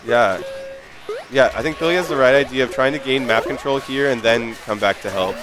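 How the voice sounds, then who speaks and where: A man giving analytical play-by-play on a match, breaking into excited shouts. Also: medium pitch, a little fast. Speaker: esports commentator. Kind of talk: play-by-play commentary.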